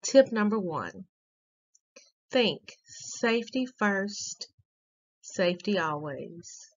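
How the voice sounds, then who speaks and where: Woman, school staff announcer, scripted morning announcements, slow measured delivery, muffled lo-fi audio. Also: medium pitch, lively intonation.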